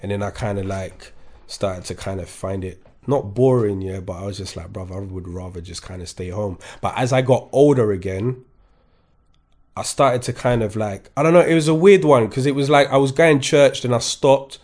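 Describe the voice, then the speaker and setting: A man's voice: lowish voice, moderate pace, a little mellow. A young man, telling his story as a guest in casual podcast chat, laid-back and full of slang. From born in France, grew up in Kingston, England.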